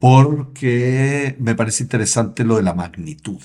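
A man's voice: medium pitch, expressive, unhurried, a little mellow. A man co-hosting a podcast, introducing segments in an easygoing, appreciative way. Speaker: co-host.

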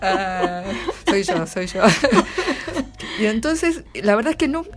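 A middle-aged literary translator, who has an Argentine Spanish accent, chats casually in an interview, frequently laughing and starting over. Her mid-range voice is sing-song, and she takes her time speaking.

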